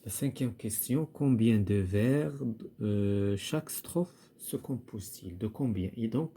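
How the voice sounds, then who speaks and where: A man's voice: fairly low pitch, lively intonation, unhurried, mellow, slight background noise. A man teaching a primary school French lesson, hesitant, with many fillers and repeated words. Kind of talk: recorded lesson walkthrough.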